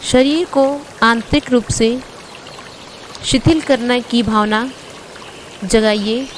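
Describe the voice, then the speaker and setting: A woman leading a guided yoga nidra meditation, calm and instructive, with long pauses between short phrases. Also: a little high, a little hiss or hum.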